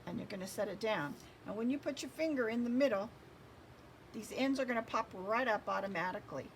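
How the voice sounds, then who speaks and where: A woman's voice: on the high side, fairly quick, a little hiss or hum. A woman hosting a craft tutorial, giving step-by-step instructions while she works with her hands.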